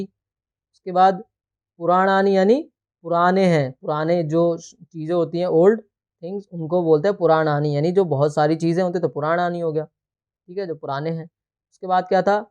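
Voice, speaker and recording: A man whose voice is a little high, smooth and darkish teaches from a textbook, slowly explaining the terms word by word. He keeps checking in with "theek hai," and the recording has its highs cut off.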